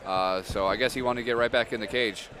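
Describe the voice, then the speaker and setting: A man's voice: medium pitch, fairly even intonation, fast talker. A man giving casual, folksy live fight commentary in a conversational way. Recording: live event, loud crowd behind.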